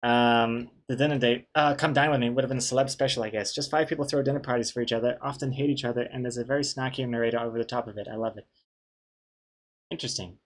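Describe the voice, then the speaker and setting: A man with a medium-pitched voice talks casually to a livestream, rambling in a playful, easily amused way. He has a speech trait where his R sounds come out like W. The delivery is unscripted and conversational. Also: steady tone, fast talker. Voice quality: cannot pronounce R properly, says w for r. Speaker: comic artist and streamer. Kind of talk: casual livestream chat while drawing.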